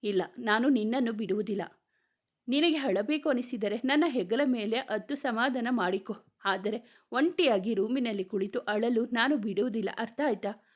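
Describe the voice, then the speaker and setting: A woman's voice: a little high, moderate pace, close to an everyday voice. A woman reading the lines of a protective young husband, firm and soothing in a storybook.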